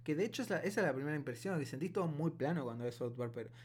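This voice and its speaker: A man with a Buenos Aires Spanish accent co-hosting a casual podcast, talking in a rambling, halting, colloquial way. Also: a little high, expressive, darkish tone. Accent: Buenos Aires Argentine Spanish. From Buenos Aires, Argentina. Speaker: podcast co-host. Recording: clearly noisy with a hum.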